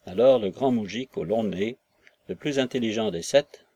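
A man reading a novel aloud as narrator, in a steady, even storytelling manner. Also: fairly low pitch, normal speed, creaky, no echo. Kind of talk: scripted audiobook narration.

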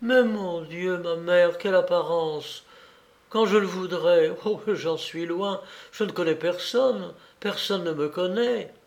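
A man's voice: high voice, slow pace, pitched above the performer's own voice. A man reading aloud voices a hesitant young woman whose voice is grave and musical. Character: sad young woman, then calmly decided.

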